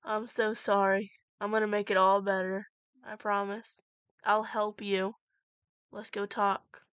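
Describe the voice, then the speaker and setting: A woman reading the lines of a gentle, protective male animatronic bear in a fan story, in a soft and reassuring way. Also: mid-range voice, flat delivery, unhurried, clear, resonant tone, no echo, natural voice. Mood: soft, earnest.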